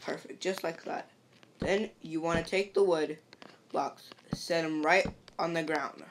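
Low-pitched and steady, a woman's measured voice delivers a step-by-step game tutorial voice-over with patient instructions. Frequent "see?" and "perfect" check-ins mark her delivery, and clicks and noise fill the home recording.

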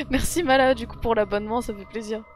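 Young woman gamer, fairly high voice, giggly and self-mocking, chatting to viewers at her desk mic, soft music underneath. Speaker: gaming streamer. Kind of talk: let's play commentary. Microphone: desk mic with headphones.

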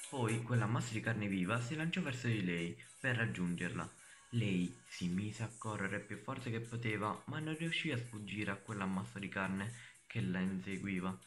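A man reading a horror story aloud as a student reader, in an even, plain way. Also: lowish voice, moderate pace, faint music behind.

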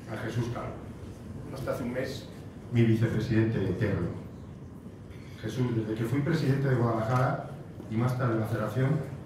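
A middle-aged man delivers an emotional farewell speech from a podium, his voice at an ordinary pitch. He was recorded from across a large stone banquet hall, so his voice rings with heavy echo. A steady hiss of noise sits under it. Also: recorded from a distance. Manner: emotional, heartfelt, with repeated phrases and asides. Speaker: federation president giving a farewell speech. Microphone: podium microphone, recorded by a far camera. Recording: echoey hall recorded from afar, noisy.

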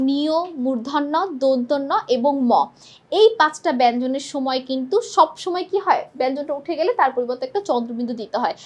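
Brief: young woman tutor, high voice, brisk exam-prep lesson, keeps asking and answering. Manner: quizzing students, answering her own questions. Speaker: teacher.

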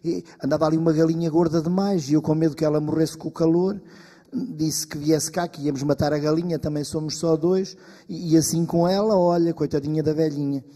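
A man voicing an anxious, eager young village wife who pleads in a high, rushed voice, in a long-reverb hall. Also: steady tone, dark tone. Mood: coaxing.

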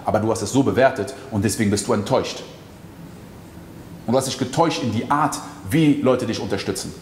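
A man's voice: on the low side, fairly quick, darkish tone, slight background noise. A man giving a motivational coaching monologue, talking straight to the listener with emphatic rhetorical questions. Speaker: mindset coach. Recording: echoey hall with faint ambience.

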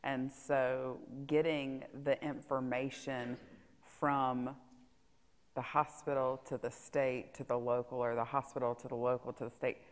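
A woman's voice: rumbling low, level tone, a little slow, long reverb tail. A woman in her thirties, a state public health official, explaining things practically on a conference panel. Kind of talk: panel discussion. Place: conference stage in a large hall.

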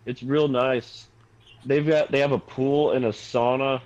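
A man's voice: mid-range voice, fairly even intonation, unhurried, muffled recording, a crowd in the background. A man chatting casually with friends while playing an online game, laid-back and laughing often at jokey banter. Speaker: gamer. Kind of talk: casual chat while gaming.

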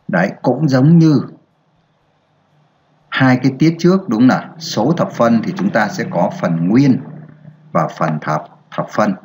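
A man's voice: fairly low pitch, a little hiss or hum. A male math teacher explaining a lesson to children step by step, checking in often to make sure they follow. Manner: slow, step-by-step explaining with frequent check-ins to pupils.

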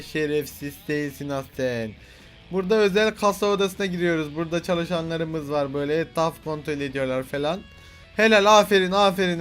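High-voiced young man boasting over gameplay. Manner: boastful, joking, swears at game characters. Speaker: gaming video host. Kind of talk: playful gameplay commentary.

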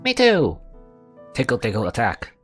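A man voicing playful young girls from a visual novel, with excitable exclamations. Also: mid-range voice, measured pace. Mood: giddy, squealing. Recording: music behind the voice.

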